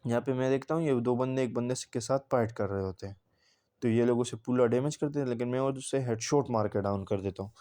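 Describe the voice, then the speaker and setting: Mellow-voiced man narrating gameplay. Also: mid-range voice, fast talker. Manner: casual, talks straight to viewers in a recounting tone. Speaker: gaming channel creator. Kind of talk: gameplay commentary voice-over.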